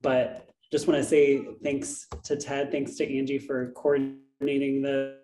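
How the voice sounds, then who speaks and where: A man's voice: medium pitch, monotone, a little slow, over music, poor audio. A man hosting a meetup, wrapping up casually over a video call while his audio cuts out and the volume jumps unevenly. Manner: casual, friendly wrap-up with fillers. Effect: audio cutting out, uneven volume. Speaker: meetup host. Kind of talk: closing remarks on a video call.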